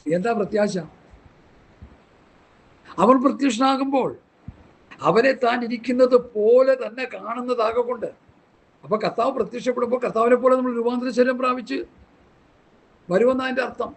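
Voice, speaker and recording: A man's voice: extremely high pitch, normal speed, pauses often. A man preaching a Bible study sermon in an impassioned, scolding way, full of rhetorical questions. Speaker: pastor.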